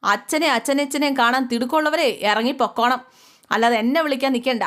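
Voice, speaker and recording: A woman's voice: sits high, a little fast, a bit bright. A woman voicing a bitter, resentful middle-aged mother who scolds sharply.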